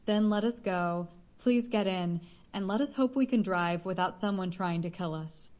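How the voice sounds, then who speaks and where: A woman's voice: mid-range voice, moderate pace, darkish tone, lightly acted. Curt demanding businessman, read by a woman.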